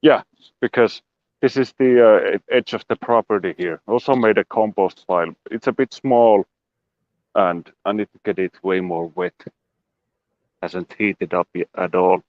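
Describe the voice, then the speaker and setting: Low-voiced man, dry and a bit dull on a phone mic, chatty and rambling, giving an outdoor walking tour with goofy sound effects. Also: darkish tone. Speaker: show regular giving a homestead tour. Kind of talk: casual livestream walking tour. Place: outdoors on a rural property.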